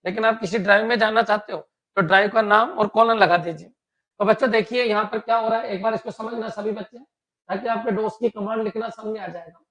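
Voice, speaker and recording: A man with a Rajasthani accent teaching a class in a high voice. He goes through each step patiently and keeps asking his students whether it is clear. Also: fairly even intonation, a little fast, a bit bright. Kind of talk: classroom lecture.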